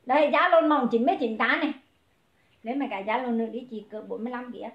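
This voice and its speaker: A woman selling clothes on a livestream, briskly calling out prices and greeting viewers by name. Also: a little high, reverberant, dull audio. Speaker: online clothing seller. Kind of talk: livestream sales pitch.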